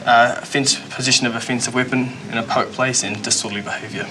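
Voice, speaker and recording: A man's voice: medium pitch, fairly even intonation, fast. A male police officer with a broad New Zealand accent, asking interview questions and explaining matters in everyday words. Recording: echoey room, faint background noise.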